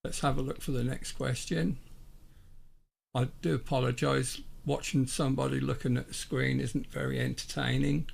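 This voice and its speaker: A man with a Norfolk accent hosting a solo video who reads out pendulum answers slowly, one word at a time, and chats to viewers in a self-deprecating way. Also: medium pitch, little pitch movement, gravelly. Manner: slow, measured, one word at a time when reading answers. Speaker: pendulum dowsing channel host.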